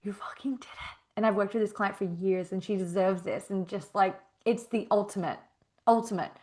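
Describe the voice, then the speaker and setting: On her casual solo coaching podcast, a young adult woman talks at normal speed with a medium-pitched voice. Her style is emphatic and expressive, full of repeated phrases and liberal swearing.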